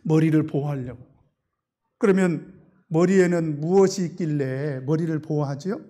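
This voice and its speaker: A male pastor delivers a sermon in a high voice. He is emphatic and swings between loud and soft. He often poses rhetorical questions and leads the congregation in reading. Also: normal speed.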